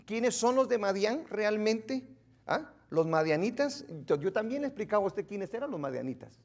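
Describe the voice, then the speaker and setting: A man's voice: high voice, big pitch swings, moderate pace. A male pastor giving an interactive Bible teaching in a church, quizzing the congregation and joking as he goes.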